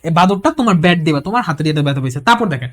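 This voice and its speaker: A man from Bangladesh tutoring admission candidates in a casual recorded lesson, explaining step by step in a chatty, colloquial way and slowing down to read example sentences aloud. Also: fairly high pitch, expressive, fairly bright tone. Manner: chatty, loses track and restarts, colloquial.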